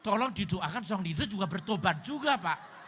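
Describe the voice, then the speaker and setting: A middle-aged male pastor preaching a sermon at a church service, telling humorous stories and loudly mimicking a song leader. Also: high voice, expressive, moderate pace, a little hiss or hum.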